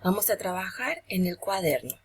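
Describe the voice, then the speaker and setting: A woman teacher giving a remote lesson to children, gentle and patient, saying each term slowly. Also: medium pitch, expressive, slightly rough.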